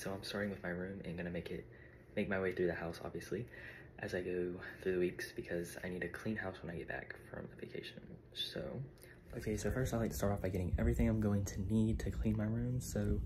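Filming his bedroom cleanup on a phone that moves around the room, a young adult vlogger talks casually and a little fast, leaning on "like" constantly. His voice is lowish with fairly even intonation, against a noisy background.

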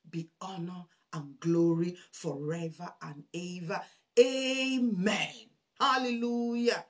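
A woman preaching with fervor, her voice pitched in an ordinary middle range. She reads scripture in old-fashioned wording, swells loud on key words and drops soft on asides. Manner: addresses listeners as brethren. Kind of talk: sermon with scripture reading.

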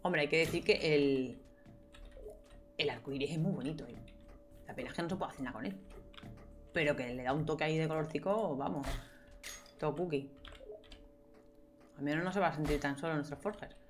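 A woman's voice: sits low, fairly quick, pauses often. Chatty young woman gaming. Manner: chatty, talks to herself and viewers, playful exclamations. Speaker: gameplay streamer. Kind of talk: casual gameplay commentary.

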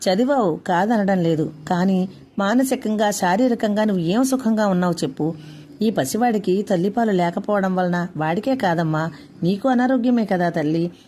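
An elderly, traditional grandmother offers slow, gentle, coaxing advice in a spoken storybook, voiced by a woman reader. She speaks at a middle pitch over faint hiss. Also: natural voice.

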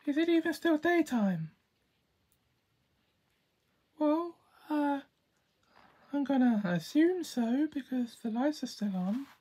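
A man voicing a polite, chatty young girl rag doll in an amateur puppet show, with quaint, deliberate phrasing. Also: very high voice, expressive, mellow, exaggerated voice. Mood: dreamy, apologetic.

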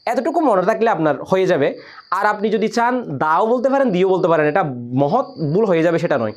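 A man's voice: high-pitched, a little fast. A young man, an English teacher, explaining grammar to students and often asking whether they follow. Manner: lively, questioning the listener directly.

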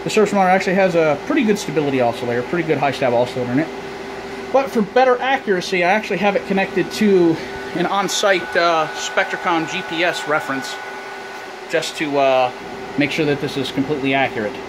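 Holding his own camera or phone, a man with a voice on the high side talks at a quick pace while showing off his amateur radio gear, explaining casually and thinking aloud. He's in a small indoor equipment room with radio racks, where loud fan and ventilation noise is heard.

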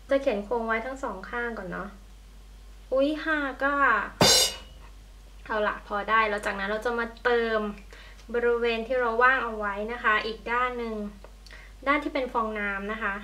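Young female beauty vlogger, slightly high voice, chatty and friendly, casual at-home tutorial talk. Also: pushed and bright. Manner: chatty, friendly, talks while applying makeup. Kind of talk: casual makeup tutorial chat. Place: at home by a window in natural light. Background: passing trains.

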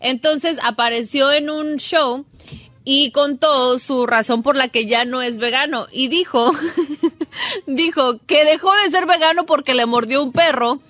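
A woman's voice: sits high, a little slow, bright, forceful tone, no room sound. A woman co-hosting a radio show, telling a story in a chatty way and laughing along from a studio. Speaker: radio co-host.

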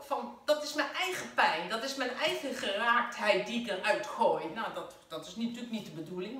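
A woman's voice: on the high side, recorded from a distance. Woman preaching in a very echoey room. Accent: Dutch. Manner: gentle, conversational preaching with fillers. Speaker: spiritual caregiver leading a service. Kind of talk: home-recorded sermon. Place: at home.

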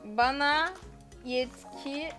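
A woman commentating her own gameplay as a YouTuber, excitable, exclaiming and giggling often. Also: high-pitched, very slow, soft background music. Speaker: gaming YouTuber.

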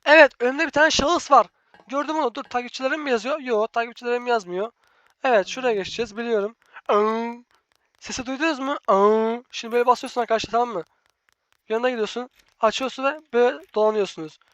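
A chatty gaming host with a very high voice, talking fast and jumping from calm narration to startled shouts. He keeps calling out to his viewers as friends. The sound is dry and a bit muffled, like a cheap home microphone. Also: no room sound. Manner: chatty, excitable, constantly addressing viewers as friends. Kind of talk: let's-play gameplay commentary.

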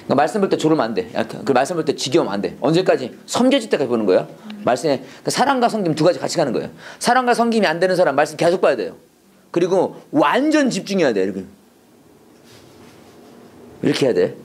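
The speaker is a middle-aged man running a Bible and English class, where he preaches emphatically and drills phrases for the class to echo back. He talks fast in a sing-song voice on the high side, with a breathy edge.

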